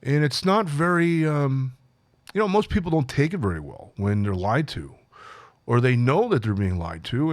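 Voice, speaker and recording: Lively-pitched man giving coaching talk. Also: no room sound. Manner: conversational, reflective, frequent fillers and restarts. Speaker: life coach. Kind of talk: solo talk to camera.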